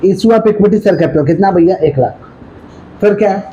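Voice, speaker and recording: High-voiced man teaching a class. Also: animated, mellow, muffled recording, a little hiss or hum. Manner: repeatedly checks understanding with questions; dictates slowly, then rattles off explanations. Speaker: commerce teacher. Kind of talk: classroom lecture.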